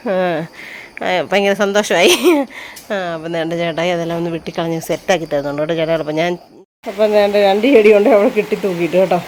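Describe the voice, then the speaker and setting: Quick-talking Idukki Malayalam woman vlogger. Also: medium pitch, slight background noise. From Kerala. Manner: chatty, tags sentences with "you know". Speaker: home vlogger. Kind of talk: casual chat while doing chores. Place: home and yard.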